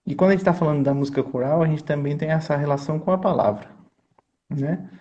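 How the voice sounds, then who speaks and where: A man who conducts choirs and composes explains his craft in an earnest, teacherly conversation, frequently checking in with whoever he's talking to. His voice sits on the high side and moves quickly, with a mellow tone and the highs cut off.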